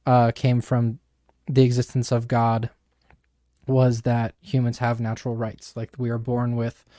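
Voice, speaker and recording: A man's voice: mid-range voice, completely flat delivery, unhurried, dark tone, dry recording, clean studio sound. A young man co-hosting a podcast, explaining ideas from a book in a thoughtful, casual way. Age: young adult. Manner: thoughtful, explanatory, with frequent fillers. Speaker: podcast co-host.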